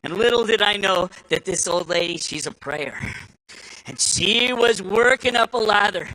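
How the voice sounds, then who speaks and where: A man's voice: high voice, animated, moderate pace, pushed and bright, low-quality recording. A man giving a speech at an event, telling a folksy story in an emphatic, repetitive way. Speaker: speaker at an election event.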